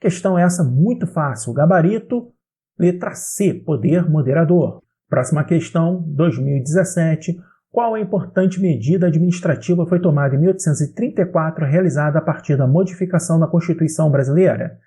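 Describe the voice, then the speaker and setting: A Brazilian man teaching an exam-prep history lesson, explaining clearly and speaking directly to the student. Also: a little high, brisk, mellow. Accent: Brazilian Portuguese.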